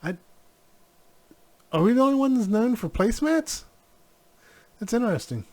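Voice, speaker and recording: A man's voice: very high-pitched, big pitch swings, a little mellow. A British man hosting a reaction video, chatting casually and sounding curious and incredulous. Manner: curious, incredulous, quick to laugh.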